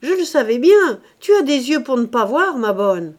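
A woman's voice: mid-range voice, sing-song, unhurried, darkish tone. A woman playing a heated, nagging husband. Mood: indignant, scolding. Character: irritable suspicious middle-aged husband, bourgeois man.

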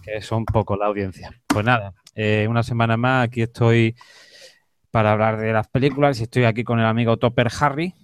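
A man's voice: mid-range voice, steady tone, brisk, over music. A man co-hosting a film podcast with casual, joking chat. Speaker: podcast co-host.

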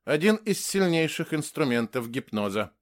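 A man's voice: on the high side, very animated, normal speed. A man reading an audiobook and voicing an anxious, earnest male doctor who speaks in a raised, eager voice and often hesitates. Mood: confident. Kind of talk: audiobook character voice.

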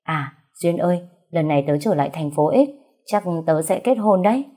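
Female narrator as a sweet pampered rich girl, chirpy and pouty, husky low voice underneath. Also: animated, moderate pace, mellow. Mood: bubbly. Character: bubbly pampered rich young woman.

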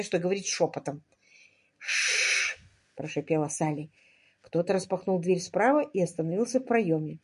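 A woman reading a romance novel aloud as an audiobook narrator, in expressive scripted narration. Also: mid-range voice.

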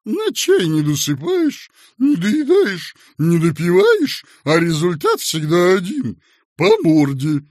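Man doing Dyrkin, shrill fawning office boss. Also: wildly swooping pitch, slow, darkish tone, no room sound, studio quality, full character voice. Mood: self-pitying. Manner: blustering then whining and servile. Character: pompous office boss turned fawning, middle-aged man.

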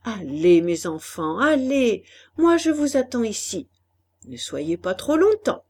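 A woman's voice: fairly high pitch, big pitch swings, takes it slowly, darkish tone, full character voice. A woman voicing an indulgent, plump older woman in a storybook reading, cheerful and obliging.

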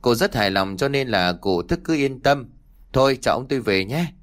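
A man's voice: mid-range voice, expressive, normal speed, natural voice. Man doing a smarmy, fawning village official. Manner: smarmy, falsely polite.

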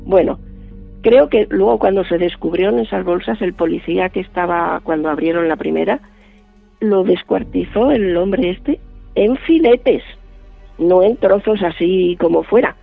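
High, gravelly man on a phone-like line. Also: measured pace, no room sound, soft background music. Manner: vivid, acts out quoted dialogue. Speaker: guest. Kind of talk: radio interview storytelling. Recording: band-limited dry phone-like line.

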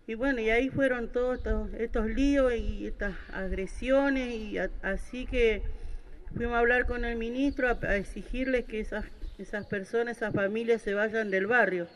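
A man, a parent of victims, giving earnest, halting testimony at a public gathering. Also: high voice, fairly bright tone.

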